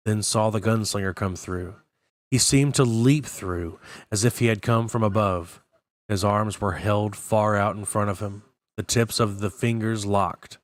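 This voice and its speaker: Low-voiced man reading a novel. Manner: plain narration with occasional self-corrections. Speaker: book club reader.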